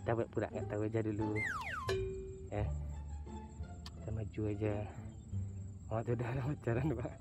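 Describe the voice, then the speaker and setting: A man vlogging outdoors as he flies a drone, giving playful running commentary in a teasing way with bursts of loud, high shouting. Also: level tone, fairly quick, pauses often, dull audio. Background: background music.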